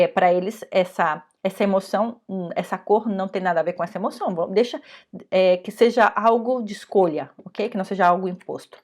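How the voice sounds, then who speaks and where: Woman teaching parents, halting and gentle. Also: mid-range voice. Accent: Brazilian Portuguese. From Brazil. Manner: halting, many restarts and checking "ok?". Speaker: educator leading a parenting course. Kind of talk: online lesson, explaining to parents.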